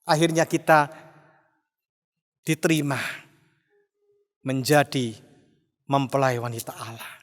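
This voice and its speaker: High-voiced man preaching in a reverberant hall. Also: fairly bright tone. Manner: emphatic preaching with rhetorical questions; mimics quarrelling spouses in a raised voice. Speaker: pastor. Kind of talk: sermon. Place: church. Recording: long reverb of a church hall.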